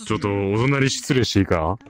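A man's voice: lowish voice, lively intonation, fairly quick. A man chatting in a friendly, playful way with a streamer in a social VR game. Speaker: fellow player. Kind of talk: casual VR chat. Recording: busy voice chat crowd.

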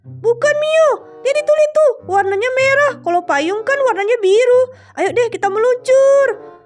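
A woman's voice: extremely high pitch, soft background music. [name], a woman voicing a panicky older sibling. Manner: fast, excited exclamations and pleading. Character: panicky older sibling, protective of the family home. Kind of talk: game role-play drama voicing.

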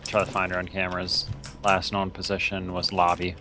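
A man playing an online shooter with friends, reacting quickly and swearing often. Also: low-pitched, monotone, sharp tone, faint music behind. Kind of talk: casual gaming chat. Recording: game noise behind. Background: game sounds.

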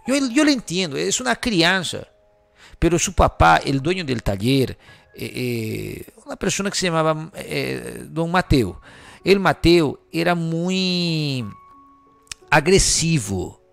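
High, gravelly man telling a painful story. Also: a bit bright. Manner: halting, full of fillers and tag questions. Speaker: testimony speaker. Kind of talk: emotional personal testimony.

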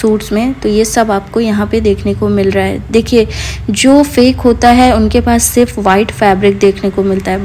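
Casting: woman vlogger, friendly voice-over, flat pitch, faint background noise. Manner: chatty, addresses viewers as guys. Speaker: vlogger touring a garment factory. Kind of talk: casual vlog narration. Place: voice-over recorded apart from the noisy factory.

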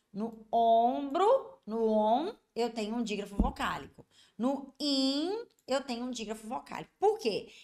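A Brazilian woman teaching a Portuguese grammar lesson for exam candidates. She keeps checking that students follow and draws out example words slowly. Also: on the high side. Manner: repetitive, constantly checking understanding.

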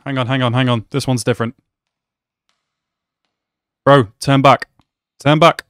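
A young man reacting to an anime episode at home, talking excitedly and exclaiming often. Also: mid-range voice, measured pace, no room sound, clean studio sound. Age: young adult. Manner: animated, exclaims and laughs often. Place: small room at home.

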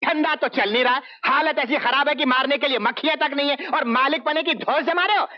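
An actor playing a cheeky, sharp-tongued servant in a shop who mocks his stingy master. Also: very high voice. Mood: mocking. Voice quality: cheeky, mocking and quick-tongued. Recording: dull 1980s film soundtrack.

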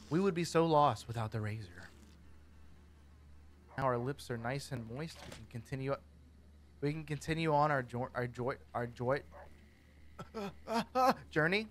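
A man's voice: on the high side, a bit bright. A man casually commenting while he plays a game, joking, rambling and talking to the characters. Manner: goofy, rambling, jokey, talks to characters. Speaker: gaming streamer.

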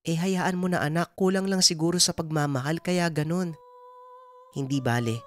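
A man's voice: on the high side, normal speed, a bit bright, pitched above the performer's own voice, lightly acted. A man putting on a worried village mother. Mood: soothing. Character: worried, gentle middle-aged village mother.

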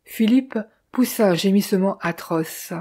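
A woman reading an audiobook narration in an even, measured way. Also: medium pitch, slightly rough. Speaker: audiobook reader.

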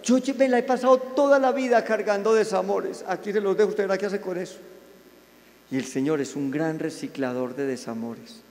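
The voice is a man's, pitched high for a man, giving a sermon to a live audience. He preaches in a warm, playful way and drops now and then into soft, intimate tones. A long reverb trails each phrase, as in a big hall. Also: normal speed. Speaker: Franciscan friar preacher.

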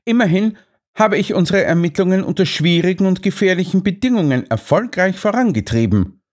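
A man's voice: high voice, animated, brisk, voice pushed up. A man voicing an earnest, indignant doctor companion in an audiobook. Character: earnest, put-upon male doctor companion.

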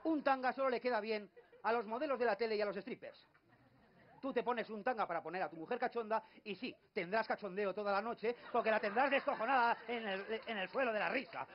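A man's voice: high-pitched, brisk, dull audio, a faint crowd. A man with a Spanish accent telling wry comic stories in a stand-up routine on a club stage. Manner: wry storytelling. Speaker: comedy duo host.

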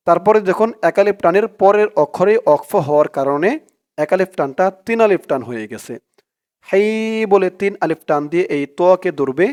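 A man teaching Quran reading, who recites verses slowly and melodically and then explains the pronunciation rules quickly and quietly. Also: sits high.

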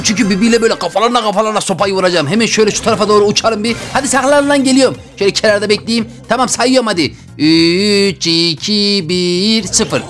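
Hyped guy yelling through a game, talks quick, bit of game music under it. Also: high-pitched. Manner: excitable, loud, slangy, talks to viewers. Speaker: gaming YouTuber. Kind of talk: excited Let's Play commentary. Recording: faint game music behind.

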